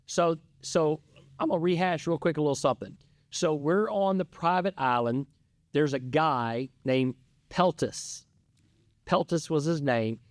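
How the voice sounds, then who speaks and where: Excitable middle-aged man telling a story. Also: a little high, measured pace, dry recording. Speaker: podcast co-host. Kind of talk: casual chat.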